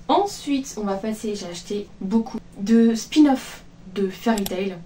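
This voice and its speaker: A woman's voice: mid-range voice, expressive, measured pace, mellow, recorded from a distance, a little hiss or hum. A woman chatting casually in a vlog, rambling with many fillers and restarts. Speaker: manga vlogger. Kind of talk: casual book haul chat. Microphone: phone.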